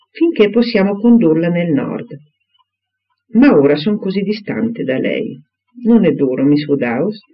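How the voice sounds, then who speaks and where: An eager, charming young gentleman from a classic novel speaks with earnest warmth, as a man reads him aloud. The voice sits fairly high and moves up and down with lively inflection. The recording sounds dull and a little muffled.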